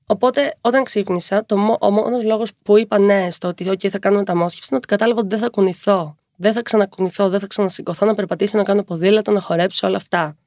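A woman in her twenties, a podcast guest who talks quickly and tells her story with wry humor. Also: mid-range voice, no echo, studio quality. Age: 20s. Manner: fast-talking, lively storytelling with wry humor. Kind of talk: casual conversational interview.

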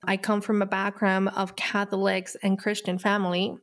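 A woman in her thirties from Colombia, hosting a podcast and telling her personal story in an unhurried, reflective way with light laughs between phrases. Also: medium pitch, monotone. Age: 30s. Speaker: podcast host.

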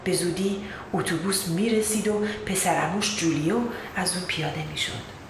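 A woman storyteller reading a children's tale in calm, measured narration. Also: on the low side. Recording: roomy echo with background noise.

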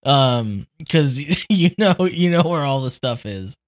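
A woman in her thirties co-hosting a casual podcast, laughing often and reacting with animated outrage. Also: very deep voice. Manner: giggly, animated, quick to laugh. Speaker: podcast co-host.

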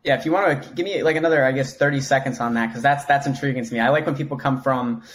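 A man's voice: mid-range voice, rapid-fire. A man with a Boston accent hosting a podcast, introducing his guest and asking loose, rambling questions in an upbeat, informal way. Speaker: podcast host. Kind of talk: podcast interview.

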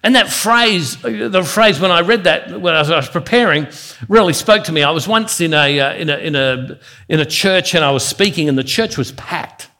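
A man's voice: a little high, normal speed, bright, forceful tone. Earnest man preaching a devotional sermon. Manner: earnest, repeats words as he builds a point. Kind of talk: devotional sermon with personal storytelling.

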